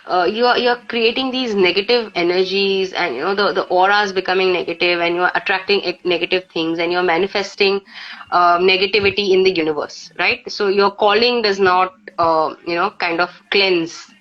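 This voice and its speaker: During a live poetry session, a woman with an Indian accent talks reflectively and recites poems, her speech halting and sprinkled with "you know." Her voice is fairly low, fairly even in intonation and a bit bright, carried over dull, lo-fi live-stream audio.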